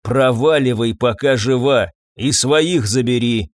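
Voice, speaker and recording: A man's voice: medium pitch, unhurried, no room sound, close to an everyday voice. A man voicing a short, stocky, menacing armed thug in an audiobook, with a coarse, threatening manner and a very dry sound. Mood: sneering.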